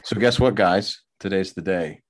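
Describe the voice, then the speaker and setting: A man's voice: low voice, normal speed, music in the background. A middle-aged man from Minneapolis, co-hosting a podcast and telling a long, rambling story with many fillers and restarts. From Minneapolis area. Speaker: podcast co-host. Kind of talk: casual storytelling.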